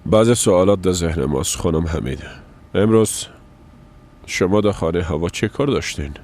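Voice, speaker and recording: An actor playing a stern, commanding father who questions and calms his daughter in a dubbed drama. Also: sits low. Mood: cold probing. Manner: calm commanding, turning urgent. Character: stern middle-aged father and interrogator.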